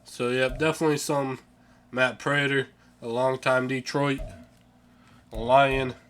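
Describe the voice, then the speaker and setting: A man's voice: mid-range voice, flat delivery, takes it slowly, fairly bright tone, soft background music. A young man giving casual, offhand commentary over a sports video game, yawning and sleepy, swearing now and then and stumbling over names. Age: young adult. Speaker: gaming channel host.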